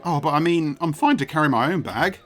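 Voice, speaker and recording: A streamer voicing Frigg, an eager young woman newcomer arriving on an island, who sounds bright and a little awkward. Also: mid-range voice, expressive, fairly quick, soft background music, close to an everyday voice.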